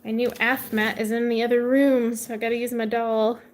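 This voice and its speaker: A woman's voice: on the high side, flat delivery, a little fast, slight background noise. A woman, chatting casually with viewers on a livestream and answering their comments. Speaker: livestream host coloring with viewers. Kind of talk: casual chat while coloring.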